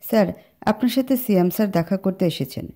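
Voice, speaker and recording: A woman's voice: medium pitch, brisk, dark tone, lightly acted. A woman voicing a dutiful male office assistant in a spoken storybook, formal and deferential. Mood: polite.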